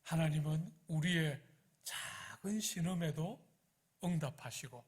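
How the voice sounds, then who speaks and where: A man giving a sermon as pastor of a church, animated and addressing the congregation directly with questions. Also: fairly high pitch, measured pace, slightly rough.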